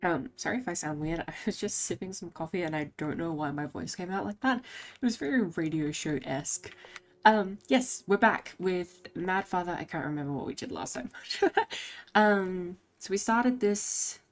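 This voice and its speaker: A tired woman giving casual, halting commentary while playing a game, with many pauses and fillers. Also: on the low side, animated. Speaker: gameplay commentator. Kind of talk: casual let's play commentary.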